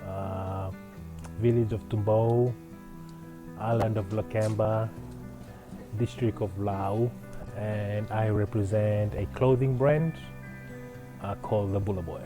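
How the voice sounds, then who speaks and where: A man's voice: lowish voice, fairly even intonation, slow pace, pauses often, music in the background. A man from Fiji, a clothing brand founder, answering interview questions in an earnest, proud way with many fillers and restarts.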